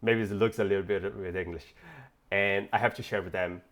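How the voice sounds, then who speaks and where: A man's voice: sits low, fairly even intonation, fairly quick, a bit bright. A young Brazilian man with a Brazilian Portuguese accent, telling a personal story in a casual, reflective way with hesitations and restarts. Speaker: fitness vlogger.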